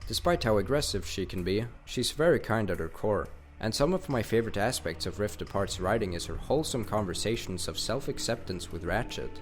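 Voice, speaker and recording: A man's voice: on the low side, expressive, a little fast, hardly any pauses, soft background music. A man narrating a scripted countdown of favorite video game characters, enthusiastic with casual slang.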